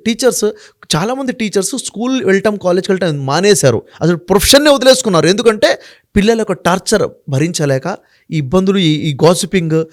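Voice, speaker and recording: A man speaking as an interview guest, making emphatic points one by one and putting rhetorical questions to the host. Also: high voice. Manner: emphatic, works through numbered points. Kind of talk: explaining in a sit-down interview.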